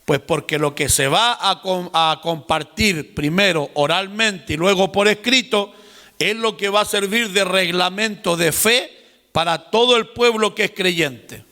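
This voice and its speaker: A man's voice: high-pitched, measured pace, bright, forceful tone, in a large hall. A man teaching a seminar class, explaining patiently and speaking directly to his listeners. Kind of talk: classroom lecture.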